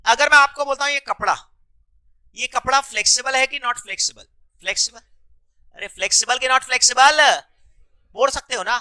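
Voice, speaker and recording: Bright high-voiced male economics teacher. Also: brisk, pauses often, clean tone. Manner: coaxing, repeatedly prompting students to answer. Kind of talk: classroom lecture with call-and-response questions. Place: classroom.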